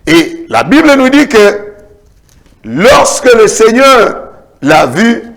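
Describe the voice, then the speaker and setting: A man preaching a sermon as a prophet, declaiming in a repetitive cadence and swinging from loud calls to hushed lines. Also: high voice, very animated, slow pace. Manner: dramatic preaching with big swings between shouts and hushed lines.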